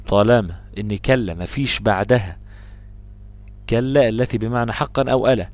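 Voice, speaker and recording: A man's voice: mid-range voice, no echo. Man teaching with an Egyptian accent. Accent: Egyptian Arabic. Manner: explains patiently, repeats examples, chants verses slowly. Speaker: Quran recitation teacher. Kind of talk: explanatory lesson.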